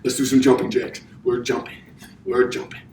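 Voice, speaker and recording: A man's voice: mid-range voice, completely flat delivery, normal speed, a little mellow. A young man teaching children exercise like a kids show host, with simple repeated cues and questions while moving about. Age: young adult. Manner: physically active while talking. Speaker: elementary P.E. teacher. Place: indoor classroom. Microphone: distant camera microphone. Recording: roomy, distant mic, faint noise.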